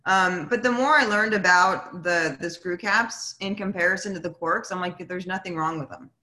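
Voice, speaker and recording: A woman winemaker tells stories in a bright, forceful voice, slipping into the people she quotes as she goes. It is a casual chat, heard over a video call. The sound echoes in a roomy space. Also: fairly low pitch, moderate pace. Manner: animated, acts out quoted voices. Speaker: winemaker guest.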